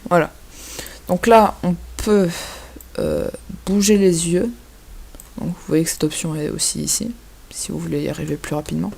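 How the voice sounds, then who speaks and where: Hesitant man with a creaky voice. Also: a little high, steady tone, a little mellow. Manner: hesitant, chatty, fills pauses with "hop" and "voilà". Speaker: software tutorial maker. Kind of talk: casual screen-recorded tutorial.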